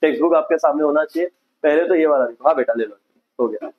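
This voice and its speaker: Man, high voice, classroom lecture, checks in with students. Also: quick pace, phone-quality sound. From India. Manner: explains step by step, checks in with students. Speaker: accounts teacher.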